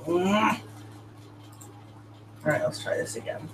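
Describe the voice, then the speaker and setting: A woman's voice: on the low side, takes it slowly, reverberant, recorded from a distance. A woman co-hosting a casual livestream chat, her mic crackling and distorted. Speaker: livestream co-host.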